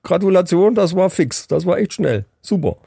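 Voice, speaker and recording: A man tells a story on a podcast in a casual, animated way, and slips into the voices of the people he quotes. His voice sits high and swings widely in pitch. The sound is dry and close, with no room echo. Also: moderate pace, vocal fry, slightly rough. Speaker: podcast host.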